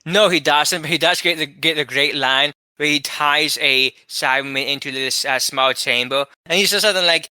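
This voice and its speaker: A man co-hosting a casual chat show, talking in a chatty way and quick to laugh. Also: on the high side, pushed and bright, smooth, no echo. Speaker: podcast co-host.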